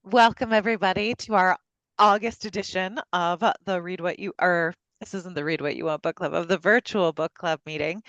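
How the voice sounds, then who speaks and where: Over a video call, a woman hosts a virtual book club, her voice fairly low and a bit bright with no room sound. The group discussion is casual, and she chats freely with plenty of fillers and restarts. Call audio is dull and lo-fi.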